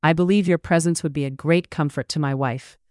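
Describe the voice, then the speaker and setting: A narrator voicing a commanding gentleman husband who teases and growls. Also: medium pitch, fairly even intonation, brisk, dry recording, studio quality, close to an everyday voice. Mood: teasing. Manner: gruff, teasing.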